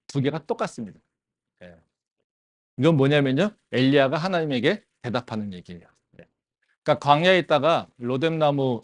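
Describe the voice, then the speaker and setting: A man preaching a sermon as pastor of a campus church, talking animatedly and asking the congregation rhetorical questions. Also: medium pitch. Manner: animated, with rhetorical questions and frequent affirming interjections.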